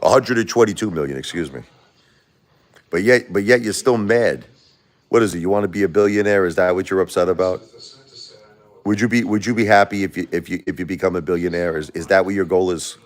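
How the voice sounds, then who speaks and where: Hosting a casual livestream from his Brooklyn, New York home, a deep-voiced man fields viewers' questions at a fairly quick clip. He's blunt, says things more than once and argues with his critics.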